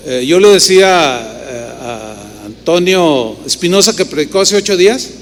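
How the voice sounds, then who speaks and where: Mexican pastor guy, high voice, animated sermon stories, long echo in a big church, faint hiss. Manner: animated storytelling with rhetorical questions. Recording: reverberant hall with faint noise.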